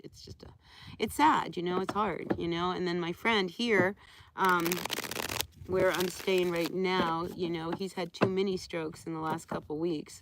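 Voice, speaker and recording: Hosting a live stream outdoors, a woman gives a tarot reading and chats with viewers in a familiar, conversational way. Her medium-pitched voice is a bit bright, and the rough recording picks up slight background noise.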